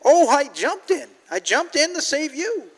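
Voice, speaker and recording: A man acts a gentle old guardian angel in an old-time radio play, naive and cheerful. The voice is very high and lively, earnest and a little hesitant, in a reverberant hall. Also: a little slow, exaggerated voice. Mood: earnest, mild. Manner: mild, earnest, hesitant, quaint. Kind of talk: 1940s-style live radio drama acting.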